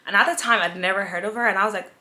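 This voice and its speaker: Talking rapid-fire in a sharp, mid-range voice, a twentysomething Nigerian vlogger and influencer sits down to field viewer questions. She keeps it casual and giggles along the way.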